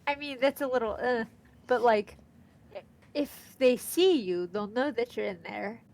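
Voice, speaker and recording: Stuffy from allergies, a woman streams a game, chatting casually and excitably reading its lines out loud. Her voice is fairly high and unhurried, with vocal fry. She's a let's play streamer.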